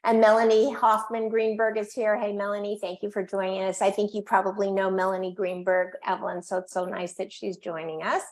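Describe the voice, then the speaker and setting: A woman's voice: mid-range voice, little pitch movement, brisk, hardly any pauses, poor audio. A woman in her sixties or older hosting a conversational interview, asking wordy questions and affirming the answers. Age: 60s or older. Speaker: interviewer, host.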